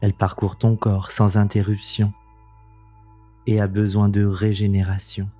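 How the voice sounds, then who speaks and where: Low, slow, intimate male meditation guide. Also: monotone, soft background music. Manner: soothing, unhurried, gentle delivery.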